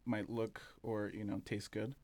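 A man talking as an interview guest about his café, relaxed and rambling, with plenty of fillers and restarts. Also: on the low side, unhurried, no echo. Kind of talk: casual interview chat.

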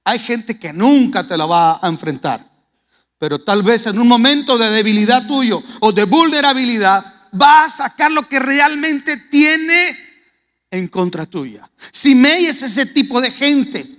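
A man's voice: extremely high pitch, expressive, a little slow, sharp tone. A man preaching a sermon, telling a Bible story dramatically and acting out the characters' lines. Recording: echoey hall reverb.

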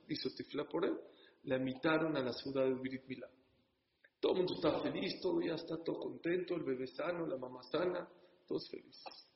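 A man's voice: a little high, vocal fry. A man telling a religious story dramatically to a congregation, speaking to the listeners directly. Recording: echoey hall, dull sound.

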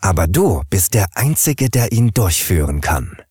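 A man's voice: low-pitched, big pitch swings, measured pace, darkish tone, breathy edge, dry recording, studio quality, exaggerated voice. A man reading an audiobook, voicing an earnest, worried smart refrigerator. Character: anxious smart fridge, worried leader.

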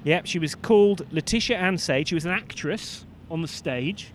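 A man's voice: on the high side, moderate pace. A British man co-hosting an informal podcast, telling history in a hesitant, self-correcting way. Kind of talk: informal explanatory chat. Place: walking outdoors in London. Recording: outdoor street with faint traffic noise.

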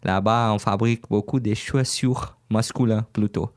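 A man's voice: fairly low pitch, fairly even intonation, moderate pace, no room sound, clean studio sound. A Brazilian man, native Portuguese speaker, speaking French with a Brazilian accent as a radio interview guest, a little hesitant and searching for words. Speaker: guest, business owner.

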